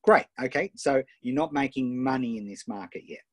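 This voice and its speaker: An Australian man hosting a live online coaching session, enthusiastic and firing off quick questions over a video call. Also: mid-range voice, breathy edge, no echo. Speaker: host and coach.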